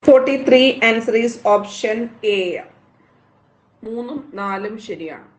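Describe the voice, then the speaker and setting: A woman teacher with a Malayali accent goes through exam answers with her students in a quick, conversational way, quizzing them as she goes. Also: a little high, animated, echoey room, rough recording.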